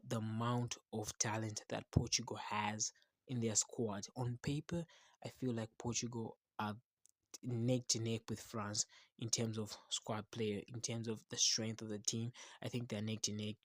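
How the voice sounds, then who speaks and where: Guy chatting football casually, pretty even tone, repeats stuff to make his point, dry sound. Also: mid-range voice, no echo. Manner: emphatic, repeats words and phrases. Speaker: football commentator. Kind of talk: casual match commentary to camera.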